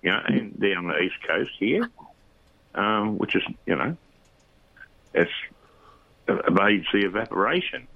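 A low-pitched Australian man chatting casually on radio about conditions. He rambles along with plenty of fillers and restarts. The line sounds dull and lo-fi. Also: lively intonation, unhurried, gravelly, long pauses. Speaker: fishing reporter.

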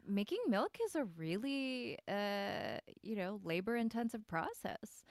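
A woman in her thirties from Michigan with a Midwestern American accent, a podcast guest chatting casually in an excitable, animated way and laughing loudly. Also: medium pitch, unhurried, no room sound, clean studio sound. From Michigan, USA. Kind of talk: casual chat.

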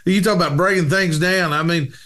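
A man with a notably high voice hosts a casual sports podcast. He talks informally, buddy to buddy, and lets his phrases ramble as he steers the chat. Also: steady tone, brisk, a bit bright. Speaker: podcast host. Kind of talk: casual sports talk show.

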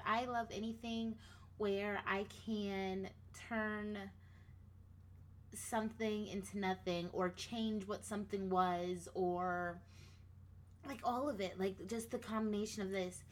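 Slow-talking woman, rambling and sassy. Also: mid-range voice, a little hiss or hum. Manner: rambling, many fillers and restarts; playfully sassy. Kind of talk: casual motivational monologue.

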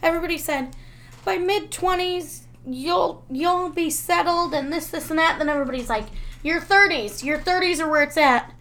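A woman's voice: very high-pitched, moderate pace, fairly bright tone. A woman in her thirties co-hosting a casual podcast chat, candid and self-mocking, swearing freely. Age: 30s. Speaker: podcast co-host.

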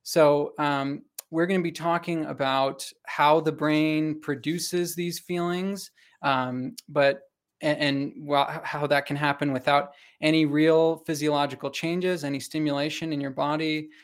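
A man co-hosting a science talk, explaining casually in a halting, loosely phrased way. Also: on the high side, steady tone, clean tone. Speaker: co-host.

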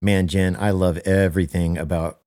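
A man co-hosting a casual podcast conversation as a worship leader, earnest and emphatic, repeating key phrases for stress, with the odd deadpan joke. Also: deep voice, moderate pace, no room sound, clean studio sound.

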